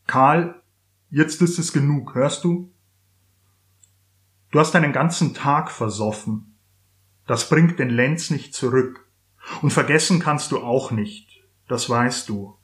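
A man's voice: medium pitch, slow pace, pauses often, fairly bright tone. A man voicing a dreamy distant inner voice. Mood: urging. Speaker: author reading from his novel. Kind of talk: literary reading.

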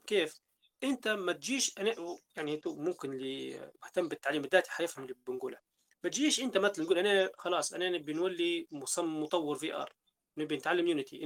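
A man with a Libyan Arabic accent hosts a casual podcast conversation, talking through ideas at length and often restarting his sentences. His voice is on the high side with a fairly bright tone.

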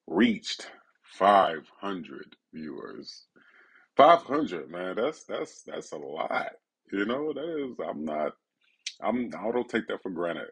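A man with a low, gravelly, husky voice hosts a casual solo podcast. His delivery is laid-back, intimate and personal, as if speaking right into the listener's ear.

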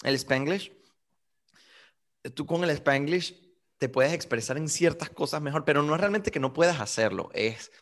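A man's voice: on the high side, animated, normal speed, fairly bright tone. A man who teaches violin, chatting casually and explaining words with acted-out little scenes. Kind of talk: casual chat.

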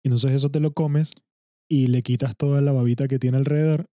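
A man's voice: medium pitch, fairly even intonation, brisk, warm tone, dry recording, clean studio sound. A Venezuelan man hosting a casual podcast chat. He laughs often and hesitates as he explains. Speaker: podcast host.

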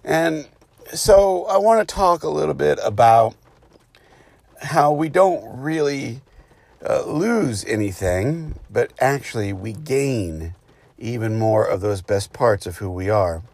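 A man speaks slowly and reflectively, like a spiritual teacher talking off the cuff, with halting pauses. His voice is mid-pitched with a gravelly creak. The sound is dry and close, inside a car with rain hitting it. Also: lively intonation, a little mellow, no room sound. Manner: halting, reflective, unscripted delivery. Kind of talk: informal spiritual talk with personal stories.

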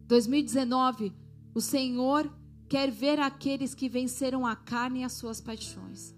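A woman's voice: high-pitched, fairly even intonation, a little slow, faint music behind. A woman pastor preaching a sermon to a congregation, exhorting them and asking for their response.

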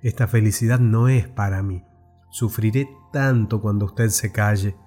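A man's voice: fairly low pitch, fairly even intonation, normal speed, warm tone, soft background music, lightly acted. A man voicing a shy, wistful woman telling her own story, in a storybook reading. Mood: plaintive. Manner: timid, wondering. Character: large shy woman, wistful and self-doubting.

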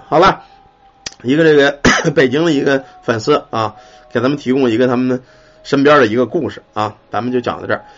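A man telling a ghost story in an earthy, animated way and swearing casually. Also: mid-range voice, normal speed, pauses often. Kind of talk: colloquial ghost story narration. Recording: dull lo-fi recording.

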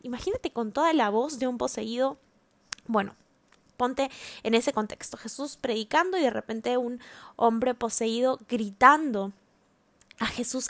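A woman preaching a sermon to other women, earnest and exhorting, repeating phrases for emphasis. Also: on the high side.

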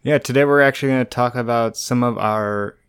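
Smooth-voiced, laid-back man chatting. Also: medium pitch, a little fast. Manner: laid-back, rambling, laughs often. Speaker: podcast co-host. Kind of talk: casual podcast chat.

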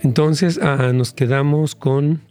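A man's voice: on the high side, fairly even intonation, slow, over music. A middle-aged male pastor, answering listener questions in a conversational teaching way with many fillers and restarts.

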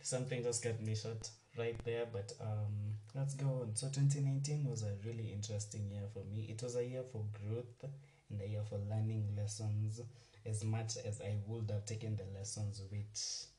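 A man, hosting a casual solo podcast, chatty and rambling as he talks warmly to his listeners. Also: lowish voice, fairly even intonation, moderate pace. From Kenya. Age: 20s. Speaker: podcast host. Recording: roomy, distant mic, faint music.

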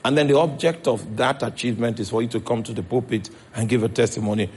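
Husky Nigerian preacher. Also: male voice, medium pitch, fast, a little mellow. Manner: preaching, checks in with the congregation. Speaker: pastor. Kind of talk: sermon.

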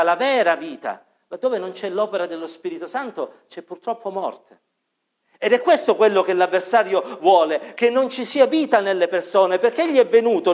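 Fervent high-voiced male preacher. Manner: fervent preaching, rising for emphasis, dropping to quiet prayer; self-correcting mid-sentence. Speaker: pastor. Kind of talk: evening sermon.

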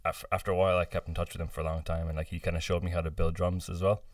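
Podcast guest from the Boston area, low smooth voice, easygoing rambling storyteller, slightly distant mic. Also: male voice, rapid-fire, no echo, studio quality. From United States, near Boston. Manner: relaxed storytelling with many fillers and laughs. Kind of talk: casual interview chat.

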